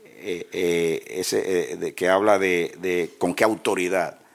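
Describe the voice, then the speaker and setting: Deep-voiced preacher, lively storyteller who acts out dialogue. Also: male voice, takes it slowly, vocal fry. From Dominican Republic. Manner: lively storyteller, acts out dialogue and laughs at his own stories. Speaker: pastor. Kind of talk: sermon with personal anecdotes.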